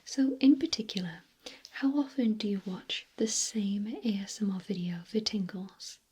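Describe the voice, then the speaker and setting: A woman in a whispered role-play as a clinic examiner, speaking gently in a breathy, unvoiced whisper. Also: mid-range voice. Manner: slow, gentle, softly questioning. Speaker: ASMR performer playing a clinic examiner.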